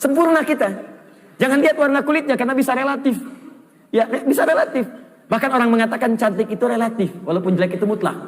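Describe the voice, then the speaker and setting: A man with a high voice preaches a lively sermon, carried by long hall reverb. He is an Islamic preacher, humorous and animated. Now and then he acts out snatches of foreign speech. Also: fast talker.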